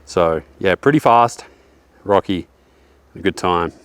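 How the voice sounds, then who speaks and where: Slow and low-pitched yet lively in intonation, this clean, dry-recorded voice is a young Australian man's. He's outdoors on a wooded hillside, walking a downhill bike track with relaxed, joking, slangy commentary while a little out of breath.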